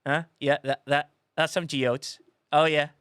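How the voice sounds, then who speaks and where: A man's voice: fairly high pitch, level tone, measured pace, fairly bright tone, smooth, dry recording, clean studio sound. A man hosting a casual live-stream podcast, chatty and effusive, rambling with frequent restarts. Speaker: podcast host.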